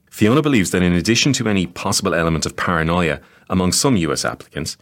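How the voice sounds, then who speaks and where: A man giving measured, scripted narration as a documentary podcast reporter. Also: deep voice.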